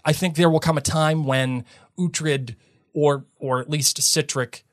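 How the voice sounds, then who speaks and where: A man's voice: on the high side, fairly even intonation, a little slow, no room sound, clean studio sound. A man co-hosting a casual podcast chat, giving his opinions emphatically. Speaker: podcast co-host.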